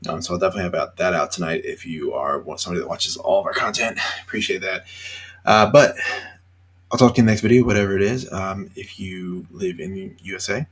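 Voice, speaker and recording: A tired man hosting a casual solo reaction show, rambling with lots of fillers and pauses between thoughts. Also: sits low, breathy edge. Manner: rambling, hesitant, many fillers. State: tired, yawning. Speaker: reality TV reaction host.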